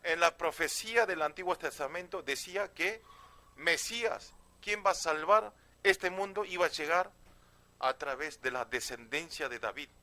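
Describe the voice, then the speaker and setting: A male pastor preaching. His voice is high and bright, and he presses hard on key phrases. He checks in with his listeners again and again. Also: moderate pace. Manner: emphatic, often asks "¿sí?" and "Amén". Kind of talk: sermon.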